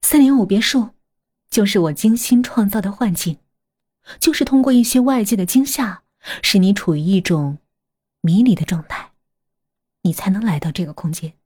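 A woman voicing a scheming elder sister, a scientist, who explains calmly in a slightly eerie way. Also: medium pitch, moderate pace, long pauses, breathy edge.

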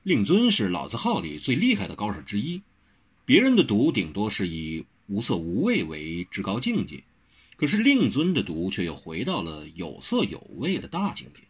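A man's voice: lowish voice, huge pitch swings, moderate pace, breathy edge, exaggerated voice. A man doing a modest young swordsman. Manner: self-deprecating, gentle. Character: modest good-natured young male swordsman.

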